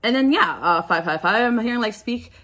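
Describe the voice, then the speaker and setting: A woman rattles off a casual tarot reading at a brisk clip, her voice bright and sharp. She speaks candidly and confessionally about her own life between the cards, tripping over words and restarting sentences as she goes. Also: on the high side, lively intonation. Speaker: tarot card reader.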